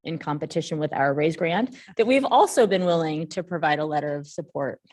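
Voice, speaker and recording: A woman's voice: low voice, fairly quick, darkish tone. A woman mayor chairing a joint public meeting in a city hall meeting room, in a conversational way with frequent ums.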